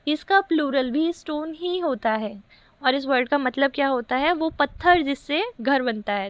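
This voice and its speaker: This is a woman teaching English grammar for a competitive exam. Her voice is high, and the recording is close and dry, with no room sound. She reads each test sentence slowly and then quizzes her listeners with rhetorical questions. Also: a bit bright, dry recording. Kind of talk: exam-prep lesson.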